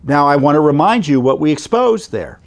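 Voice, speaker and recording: A man's voice: on the high side, sing-song, moderate pace. Middle-aged man giving spoken commentary. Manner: conversational, with many fillers and rhetorical questions. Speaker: host. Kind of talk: commentary to camera.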